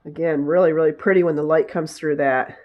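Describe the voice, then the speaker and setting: A woman with a raspy, hoarse voice from a head cold, chatting casually as she shows off her thrift finds, often pausing to search for words. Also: low voice, fairly even intonation, highs cut off. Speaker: vlogger showing thrift finds. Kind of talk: casual haul show-and-tell.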